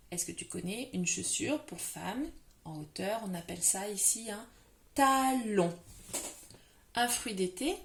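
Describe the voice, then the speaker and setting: A woman teaching a phonics lesson to young children. She stretches and stresses the final syllables of words. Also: mid-range voice. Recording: echoey room.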